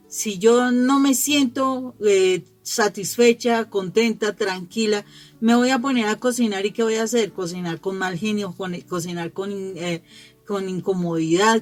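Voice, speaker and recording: A middle-aged woman gives a conversational gospel reflection for families. She tells personal stories, laughs often and restarts her phrases as she goes. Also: medium pitch. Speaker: lay speaker giving a family gospel reflection.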